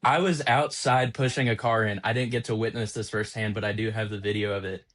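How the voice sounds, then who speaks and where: A man's voice: lowish voice, steady tone, a little fast, a bit bright. A young man hosting a podcast, telling a casual story in a rambling way with lots of filler words. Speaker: podcast host.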